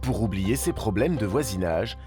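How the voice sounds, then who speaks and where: A man reading scripted narration for a report in a steady, measured way. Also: on the low side, over music. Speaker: documentary narrator.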